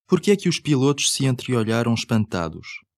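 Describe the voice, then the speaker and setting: A man's voice: mid-range voice, sing-song, fairly quick, darkish tone, dry recording, studio quality. A man with a European Portuguese accent reading scripted language-course dialogue, carefully enunciated.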